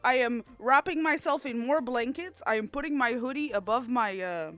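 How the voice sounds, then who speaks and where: Bright high-voiced woman streamer from Portugal. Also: normal speed, dry recording. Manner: animated, laughing, swearing freely. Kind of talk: casual chat. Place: cold room at home. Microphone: headset.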